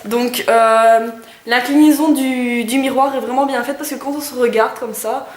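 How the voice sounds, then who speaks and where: This beauty vlogger is a young woman whose voice sits a little high, with a steady tone and moderate pace. She chats casually about makeup, hesitating a lot and heaping on enthusiastic praise, in an echoey room with faint noise.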